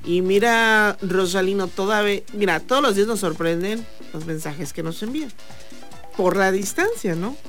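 Lively Mexican woman hosting sports radio. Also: mid-range voice, normal speed, soft background music. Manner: lively, leads the conversation and asks co-hosts questions. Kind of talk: radio talk about baseball. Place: radio booth.

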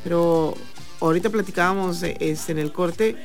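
A woman's voice: on the low side, normal speed, faint music behind. A Mexican woman co-hosting a sports radio show in a booth, announcing the time and steering the talk. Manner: lively, leads the conversation and asks co-hosts questions. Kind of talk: radio talk about baseball.

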